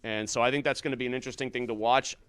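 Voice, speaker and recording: A man's voice: mid-range voice, fairly even intonation, racing, fairly bright tone, smooth, no echo. A young man hosting a school telethon in a studio, with jokey, upbeat emcee patter. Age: young adult. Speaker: telethon host. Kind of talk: lively live TV hosting.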